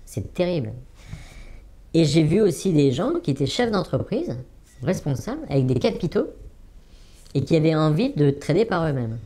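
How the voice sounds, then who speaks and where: Hesitant man in his forties, mellow voice. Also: fairly high pitch, big pitch swings, moderate pace, long pauses. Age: 40s. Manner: hesitant, many fillers, repeats words for emphasis. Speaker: anonymous former trading student giving testimony. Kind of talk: interview testimony.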